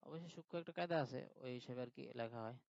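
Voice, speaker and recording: A man's voice: medium pitch, rapid-fire, vocal fry, darkish tone, no echo, highs cut off. A male teacher giving a live online grammar lesson. He explains patiently step by step and often checks in with his students. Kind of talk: live online class lecture.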